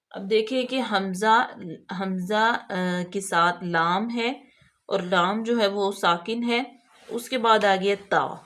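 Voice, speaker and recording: A woman's voice: mid-range voice, a bit bright. Patient woman teaching tajweed. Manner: patient, explains letter by letter, checks understanding. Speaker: Quran recitation teacher. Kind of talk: tajweed lesson, slow drawn-out recitation of examples.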